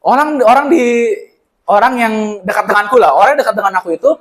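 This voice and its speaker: Pemuda berkhotbah cepat dan bersemangat. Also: male voice, very high voice, quick pace. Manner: animated, acts out Bible scenes in slang. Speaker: church speaker. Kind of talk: casual sermon sharing.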